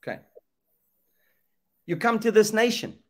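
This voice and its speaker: On a webcam video call from an indoor room, a middle-aged Zambian man gives impassioned preaching in a high-pitched voice at a measured pace. Like a preacher, he repeats phrases and asks rhetorical questions.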